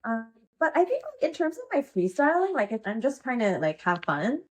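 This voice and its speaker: An American pole dance instructor and performer chats as a podcast guest in a fairly high, sing-song, husky voice at a brisk pace. She's informal and giggly, packing her talk with slang.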